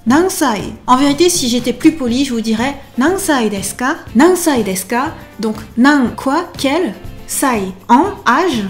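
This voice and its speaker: A woman giving an online language lesson, upbeat and chatty, slowly and carefully repeating examples. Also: high-pitched, lively intonation, soft background music. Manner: slow, careful repetition of examples. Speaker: language teacher.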